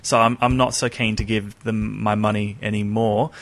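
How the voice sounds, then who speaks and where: Low-voiced man rambling about films. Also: little pitch movement, normal speed, fairly bright tone. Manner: rambling, full of asides and self-corrections. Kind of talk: casual chat about films.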